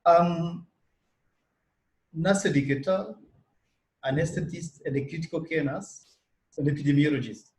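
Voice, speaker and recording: Halting man from Rwanda, echoey room. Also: on the high side, darkish tone. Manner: halting, with repeated words. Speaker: nurse educator. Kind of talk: video call interview.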